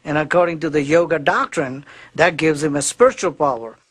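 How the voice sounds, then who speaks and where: A man's voice: fairly high pitch, brisk, fairly bright tone, breathy edge. A man giving an interview as a researcher, speaking in an earnest, accusatory way.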